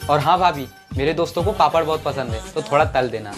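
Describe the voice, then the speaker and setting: A woman playing a flattering young brother-in-law who asks his sister-in-law to cook for his friends. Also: low voice, quick pace, lightly acted. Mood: coaxing. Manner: coaxing and flattering. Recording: music playing behind.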